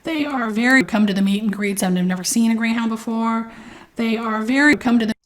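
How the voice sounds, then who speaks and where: A woman interviewee's voice run through a pitch shifter that raises it to a chipmunk-like squeak, played as a looping clip. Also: a little fast. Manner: short clip played on a loop. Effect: pitch shifter pushing her voice up into a chipmunk-like squeak. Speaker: interviewee in a promo.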